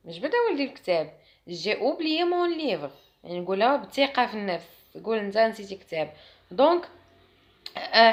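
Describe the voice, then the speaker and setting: In a mid-range voice, a woman with a Moroccan accent explains French classroom phrases in Arabic. She says the French expressions slowly and carefully.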